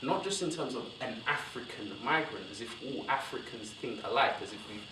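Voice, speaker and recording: Speaking on a university panel, a young adult man born in Somalia and raised in West London talks in a discursive, animated, brisk way, often circling back to correct himself. His mid-range voice comes from a distant mic across a roomy lecture hall, with a steady hiss underneath.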